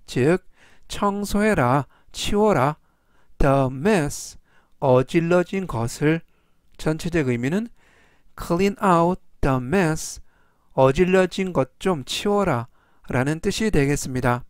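A man reads out an English vocabulary lesson from a script. He speaks slowly and carefully, with a slightly raised pitch, and says each word three times. The recording is dry and close, with no room sound. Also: lively intonation, clean tone, no room sound. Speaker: English teacher.

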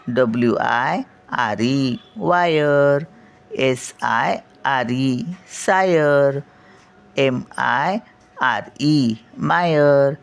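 An older woman, a grandmother, gives children a slow spelling lesson on English word sounds, spelling each word letter by letter before saying it and often checking with a short "hm?". Her voice is very deep, with vocal fry.

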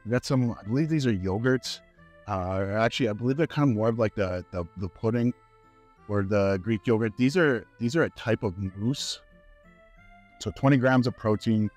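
Strolling the aisles of a grocery store with a lapel mic, this thirtysomething Canadian fitness vlogger keeps up a chatty, upbeat patter full of fillers. His voice sits on the low side and is a little mellow, delivered at normal speed over soft background music.

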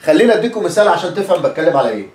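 Speaking in a slightly high, sing-song, rapid-fire voice with a somewhat mellow quality, this man is recorded in an echoey room. He's from Egypt, with an Egyptian Arabic accent, teaching English pronunciation casually: chatty, repeating words, and acting out examples.

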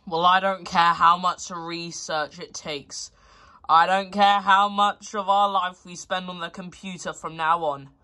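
A woman acting out every toy in a homemade toy-train story, often jumping to high, excited outbursts. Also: a little slow.

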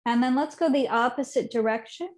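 With a slightly high voice, a woman in her thirties gives guided seated yoga instruction from her living room. Her cues are calm and unhurried with soft, trailing endings, recorded by a camera at some distance.

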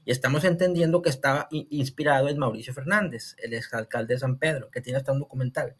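A man's voice: medium pitch, fast, husky. A man from Monterrey with a northern Mexican accent, talking through a series review in a casual, rambling way, full of restarts and "o sea".

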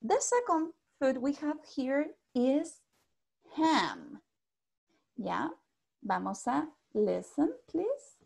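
A woman's voice: sits high, very animated, very slow, vocal fry, a little mellow. A woman with a Chilean Spanish accent teaching an English class over a video call. She is patient, checks in with the students constantly and mixes English into her Spanish.

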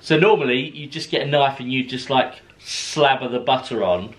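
A man chatting casually with his partner on a home vlog, relaxed and enthusiastic. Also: medium pitch, moderate pace, background noise.

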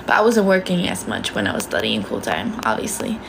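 A woman's voice: extremely low pitch, big pitch swings, a little fast, vocal fry, background noise. A young woman from Sweden with a Swedish accent, chatting casually on a phone livestream in a small bedroom, answering viewer comments and swearing freely. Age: young adult. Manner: chatty, swears casually, switches between languages. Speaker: livestream host. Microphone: phone held close.

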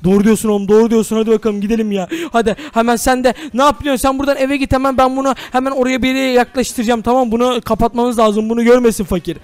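Young guy yelling through minecraft roleplay, super high fast voice, dry close mic. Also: smooth, dry recording. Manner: excitable, addressing viewers, exclaiming. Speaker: gaming YouTuber. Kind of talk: Minecraft role-play commentary.

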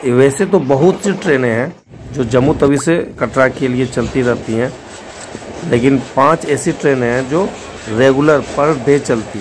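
A man's voice: medium pitch, background noise. A man, a travel vlogger, narrating a voice-over with travel tips for his viewers. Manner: informative, gives tips to viewers.

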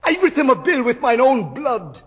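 An actor playing a desperate male scholar facing damnation, swinging from hushed, husky whispers to anguished cries. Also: extremely high pitch, very animated, moderate pace, full character voice. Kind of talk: classical stage acting. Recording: hall reverb.

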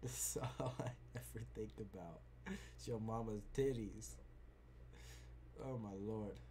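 A man's voice: lowish voice, slow pace, dark tone, breathy edge. A man hosting a casual gaming session with a friend, laughing constantly, swearing and cheering during play. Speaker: gaming channel host.

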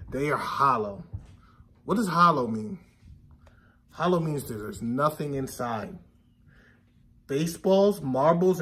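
In an indoor classroom, a man in his thirties reads a picture book aloud to young children, stressing key words and asking them questions. His voice is a little high with a fairly bright tone.

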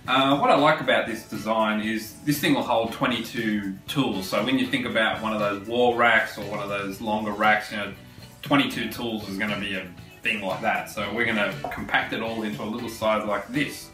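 A man, a woodworking host who explains a project in a relaxed, chatty way with fillers. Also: fairly low pitch, moderate pace. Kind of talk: casual how-to narration. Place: large home workshop, indoors. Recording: roomy workshop sound, mic at a distance, music under the voice. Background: background guitar music.

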